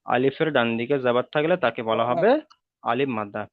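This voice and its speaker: A man's voice: mid-range voice, no room sound. Man teaching over a tinny online call. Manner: repeats rules slowly, drawing out vowel sounds. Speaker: Quran reading teacher. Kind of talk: online class lesson. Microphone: video call. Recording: tinny call audio, dry.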